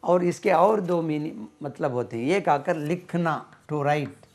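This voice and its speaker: A man's voice: on the high side, lively intonation, vocal fry, darkish tone. A man with a Pakistani accent teaching English vocabulary, repeating each word again and again for pronunciation. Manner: slow, repeats words many times for pronunciation drill. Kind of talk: bilingual vocabulary lesson.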